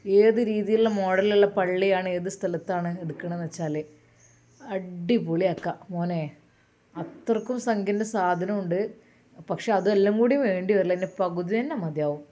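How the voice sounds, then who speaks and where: A woman voicing an earnest older religious man, speaking deliberately. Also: fairly low pitch, warm tone, pitched below the performer's own voice, close to an everyday voice.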